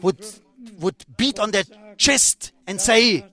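An older man preaching a sermon in a slow, emphatic way, repeating his phrases and restarting as he goes. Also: sits high, lively intonation, pushed and bright.

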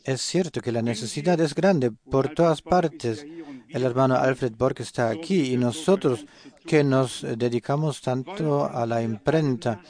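A man preaching a sermon in a measured way, pausing often with hesitant fillers. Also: medium pitch, dark tone. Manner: slow, measured delivery with frequent hesitations.

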